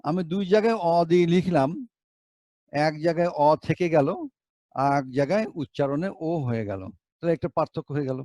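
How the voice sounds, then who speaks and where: A man's voice: on the high side, fairly quick, mellow, no room sound. A male teacher giving a Bengali pronunciation lesson, spelling words out letter by letter and asking rhetorical questions.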